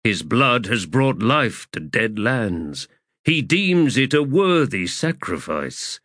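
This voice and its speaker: A man voicing an ancient, solemn male sea god who speaks in a grave, measured, consoling manner. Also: medium pitch, big pitch swings, a bit bright, no echo, studio quality, exaggerated voice.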